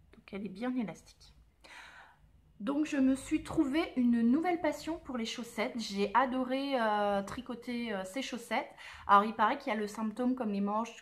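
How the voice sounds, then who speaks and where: A woman hosting a knitting podcast, explaining her projects in a casual, chatty way, with many fillers and self-corrections, talking to the camera by a sunny window. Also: mid-range voice. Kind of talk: casual knitting tutorial and chat.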